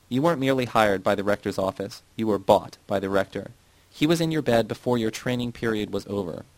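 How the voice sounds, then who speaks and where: A man's voice: fairly low pitch, no echo, lightly acted, low-quality recording. A man voicing a proud, volatile woman boss who screeches and pleads. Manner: screeching, sobbing.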